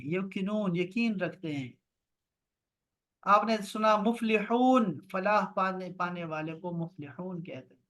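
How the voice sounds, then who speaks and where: Over a video call, a man teaches an online Arabic grammar class, explaining points and slowly repeating words for his students. His voice is high-pitched and a bit bright.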